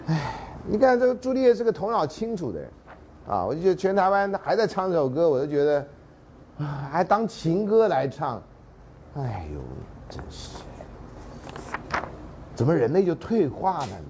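A male university lecturer with a Taiwanese Mandarin accent, giving a joking, animated classroom lecture. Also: fairly high pitch, moderate pace, pauses often, a little hiss or hum. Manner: animated and joking, drops into dramatic readings and half-sung lines.

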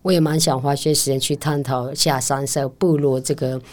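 A woman's voice: very deep voice, fairly even intonation, moderate pace, a little mellow. A woman with a Taiwanese Mandarin accent, a language teacher explaining things as a guest in a casual interview and often affirming with short interjections.

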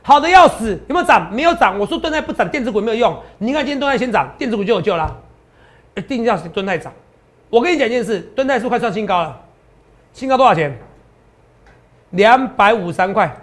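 A hoarse man pitches his stock calls at a rapid clip. His voice sits high for a man. He boasts and hammers home each point with rhetorical questions. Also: lively intonation. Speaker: stock market analyst host. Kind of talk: promotional market commentary.

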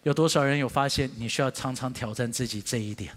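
A man preaching a sermon as a pastor, shifting abruptly into high, emphatic bursts. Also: fast talker. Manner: animated preaching, sudden climbs to high emphatic pitch.

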